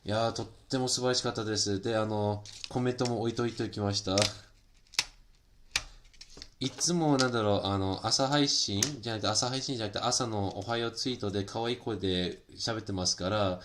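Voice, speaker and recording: A man's voice: lowish voice, fairly even intonation, brisk, noisy background. Chatty bilingual man streaming while crafting. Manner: switches between Japanese and English, many fillers, laughs often; polite, chatty, greets viewers by name. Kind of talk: casual chat stream.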